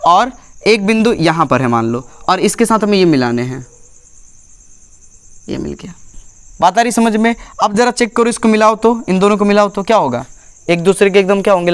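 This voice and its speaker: A man's voice: high-pitched, clean tone, no room sound. Repetitive, questioning male physics teacher. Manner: repeats phrases, keeps checking understanding. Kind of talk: classroom lecture.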